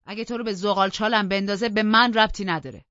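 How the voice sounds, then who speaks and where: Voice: mid-range voice, steady tone, darkish tone, no room sound, lightly acted. A reader doing a harsh, brooding house master. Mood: impatient anger. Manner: angry, scolding. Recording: dull lo-fi dry recording.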